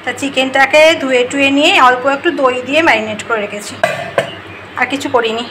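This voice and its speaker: A woman's voice: high-pitched, fast, noisy background. A woman vlogger, chatting casually to the camera about her morning at home. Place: rooftop and home, outdoors and kitchen.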